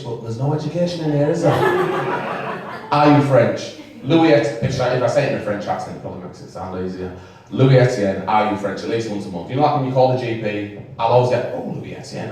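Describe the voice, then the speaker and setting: A man's voice: on the low side, quick pace, darkish tone. Young guy doing stand-up, chatty and a bit sweary, very echoey room, mic a bit far off. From England. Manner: chatty, rambling, swears, teases the audience. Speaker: stand-up comedian. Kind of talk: stand-up set with crowd work. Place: small comedy venue with a live audience. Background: audience laughter.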